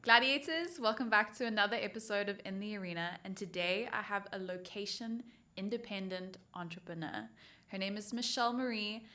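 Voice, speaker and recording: A woman hosting an interview podcast, opening brightly and then asking gentle questions. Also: mid-range voice, a little fast. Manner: upbeat intro, then soft affirming murmurs. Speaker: podcast host.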